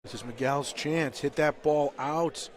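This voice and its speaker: A man calling a bocce final live, talking through the options calmly and then erupting with excitement when a shot lands. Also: a little high, measured pace. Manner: calm explaining, then loud excited bursts on big shots. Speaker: play-by-play commentator. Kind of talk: live sports commentary. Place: indoor bocce court.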